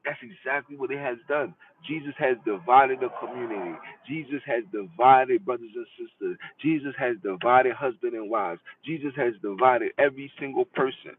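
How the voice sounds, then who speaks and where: A man's voice: mid-range voice, normal speed, few pauses. A man hosting a podcast in an impassioned monologue, emphatic and repetitive, preaching his points over and over. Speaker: podcast host. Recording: distant tinny phone-like audio with faint noise.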